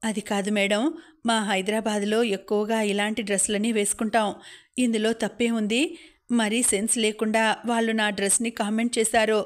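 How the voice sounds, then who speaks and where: A woman's voice: mid-range voice, little pitch movement, moderate pace, lightly acted. A woman reading the part of a hurt, defiant young female student in an audiobook, speaking in a complaining, indignant way.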